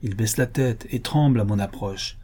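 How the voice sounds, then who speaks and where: Man doing old rich drunkard, gruff, bitter, husky, dark. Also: lowish voice, normal speed. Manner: gruff, bitter, bursts out loudly. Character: sick, bitter, hard-drinking rich old builder.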